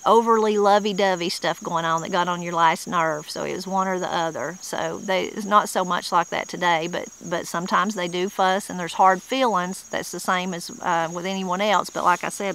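A middle-aged woman with a Southern Appalachian accent hosts her channel from a wooded yard, casually reading dictionary entries and explaining old mountain words in a homespun, plain-spoken way with frequent restarts. Her voice is on the low side and steady, at a moderate pace with hardly any pauses and a fairly bright tone. The recording is rough with slight background noise.

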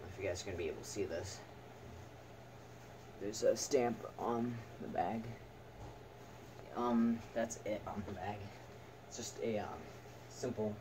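A young man giving a casual, halting, unscripted product review in short fragments. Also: on the low side. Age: teens to young adult. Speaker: video reviewer. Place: small attic room indoors. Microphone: camera a few metres away. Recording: distant camera mic, noisy room.

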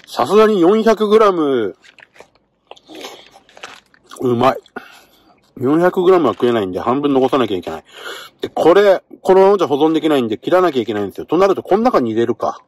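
Excitable male vlogger, husky, lively pitch, talking from a parked car. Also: brisk, pauses often, no room sound. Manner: excitable, talks to camera while eating. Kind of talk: casual car-camping vlog.

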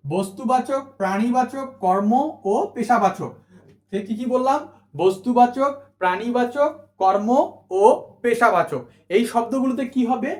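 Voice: mid-range voice, a little mellow, roomy sound. A teacher giving an exam-prep spelling lesson, repeating each rule and asking questions back to the students, with English words mixed in. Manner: repeats rules and asks rhetorical questions; mixes English words into the talk.

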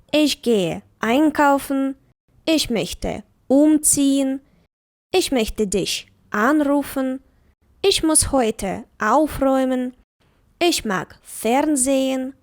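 A woman with a high, animated voice gives a scripted language lesson. She speaks in clear, measured steps and slows down for each example. The sound is dry and close, with no room around it. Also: no room sound. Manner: clear, measured teaching delivery, slowing for example phrases. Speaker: German teacher.

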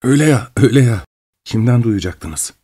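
A man voicing an excitable, fawning middle-aged husband who talks with ingratiating emotion, in an audiobook. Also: medium pitch, normal speed, pitched above the performer's own voice, natural voice. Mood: excited, fawning.

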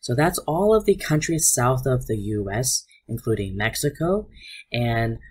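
Upbeat male art teacher, breathy voice. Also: medium pitch, lively intonation, measured pace, darkish tone. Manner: upbeat, explanatory, speaks to students. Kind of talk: online class lesson. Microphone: voice-over on slides.

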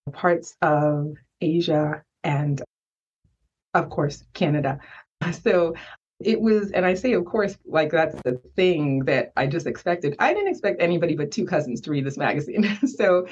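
Born in Haiti with Haitian Creole as her first language, this woman appears as a podcast guest, telling stories conversationally. She speaks emphatically and keeps checking in with "right?". Her voice is low-pitched and the recording sounds muffled.

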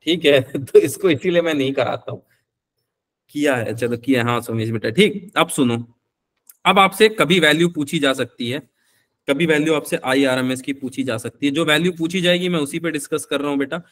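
A man's voice: fairly high pitch, normal speed, a bit bright. A young man teaching a physics class live online, chatty, calling his students beta and answering their questions.

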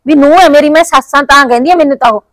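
A chatty, complaining village daughter-in-law, voiced by a woman. She talks fast and sits fairly high. The recording is dry and close. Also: no echo, lightly acted. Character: quick-tongued village wife and daughter-in-law, grumbling.

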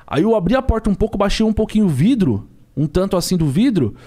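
A young man tells a story with quick, slangy street talk, playing out every exchange. His voice sits a bit high and leaps around in pitch. He rushes along at a rapid clip. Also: very animated, warm tone. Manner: slangy and street-talking, acts out dialogue. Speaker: ride-share driver and podcast guest. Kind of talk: storytelling in a podcast chat.

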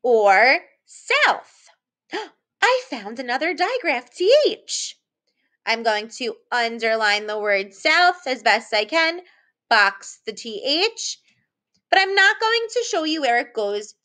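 A woman teaching an early-reading lesson to young children, slow and encouraging, with playful excited gasps. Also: high-pitched.

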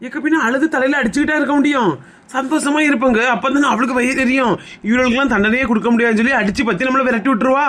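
A cheerful young woman reassures her friend in a Kanyakumari accent, as an actress plays her. She talks fast in a slightly high voice. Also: a bit bright. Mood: reassuring. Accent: Kanyakumari Tamil. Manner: upbeat, reassuring.

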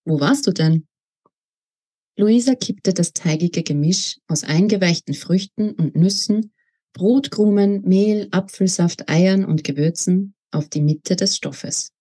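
A woman author reading her own novel aloud, narrating in a calm, measured way. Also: lowish voice, husky. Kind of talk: book reading.

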